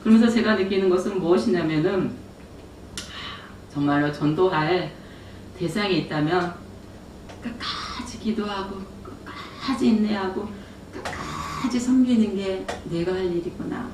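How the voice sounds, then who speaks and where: A woman's voice: medium pitch, measured pace. A woman giving an earnest testimony sermon, telling a family story and acting out the conversations. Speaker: church speaker giving testimony. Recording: roomy echo from a distant mic, faint hum.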